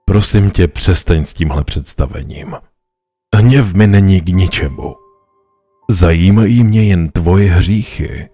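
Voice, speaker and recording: A man playing a smug male stranger in a horror story who bargains for sins, speaking in a slow, oily and almost bored way. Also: low voice, animated, warm tone, slightly rough, soft background music.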